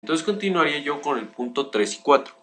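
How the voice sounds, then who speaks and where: A man's voice: fairly high pitch, expressive, fairly quick, a bit bright, slight background noise. A young man, a student, works through chemistry exercises aloud in a methodical way, often restarting his phrases. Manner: methodical, starts many sentences with "bien", restarts often. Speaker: student presenting homework.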